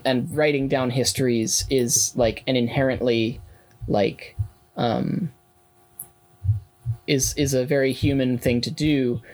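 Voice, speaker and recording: A young man in a casual class discussion, talking haltingly with many fillers and restarts. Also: mid-range voice, a little mellow, rough recording.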